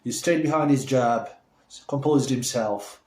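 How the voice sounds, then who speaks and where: A man of middle pitch, born in Somalia, chatting straight to camera in a loose, rambling way full of fillers and restarts. He sounds keen and upbeat when he heaps praise on someone. His voice rings around a roomy, echoey space. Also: unhurried, a little mellow. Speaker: vlogger. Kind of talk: casual chat to camera. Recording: roomy echo.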